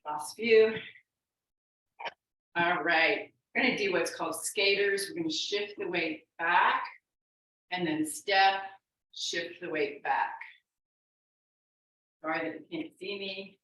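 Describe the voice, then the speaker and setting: Female fitness instructor, lowish pitch, unhurried encouraging step-by-step cues, recorded off-mic. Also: steady tone, bright, forceful tone, a little hiss or hum. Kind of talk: exercise class instruction, cueing and counting moves. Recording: very echoey room, distant microphone.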